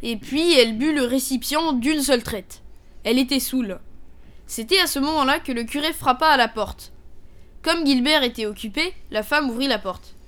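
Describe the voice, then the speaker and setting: A woman with a high, light voice reads a fable aloud, telling the tale in a steady, clear way. Her delivery is measured, like a storyteller reading to listeners. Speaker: narrator.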